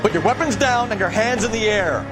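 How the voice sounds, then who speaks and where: An actor playing a tough, dutiful American beat cop from the 1940s in a police drama game. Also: male voice, high-pitched, brisk, over music, natural voice, low-quality recording. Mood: commanding.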